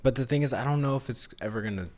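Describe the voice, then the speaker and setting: A man's voice: medium pitch, racing, darkish tone. A young man co-hosting a podcast in casual chat, slangy and swearing freely, with a lot of "dude" and "like". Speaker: podcast co-host.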